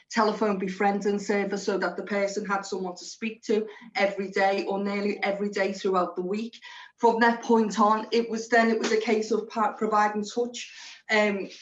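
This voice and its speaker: A woman is being interviewed on radio about her work. Her delivery is earnest and explanatory, with little pitch movement. The sound is a little dull and lo-fi. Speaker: social prescriber being interviewed.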